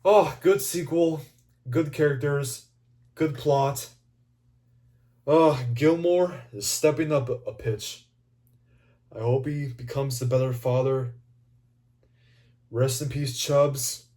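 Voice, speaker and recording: A man rambling through a casual, profanity-laced movie review, swinging between excited and mumbling. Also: mid-range voice, slow, pauses often. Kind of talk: casual video commentary.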